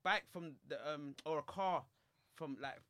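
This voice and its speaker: A man's voice: fairly high pitch, a little slow, no room sound, studio quality. A young man with a London roadman accent telling a story in casual, repetitive street slang, acting out quotes as he goes. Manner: animated, slangy, repetitive retelling with acted-out quotes.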